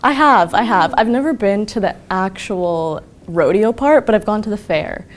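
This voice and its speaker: A woman's voice: medium pitch, lively intonation, normal speed. A young woman from Canada chatting casually as a contestant and asking the group friendly questions.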